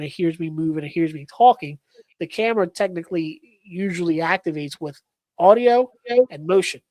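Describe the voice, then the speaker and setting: A man, a paranormal investigator, telling a spooky story in casual live-stream chat, excitable and full of fillers. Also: a little high, dry recording, poor audio.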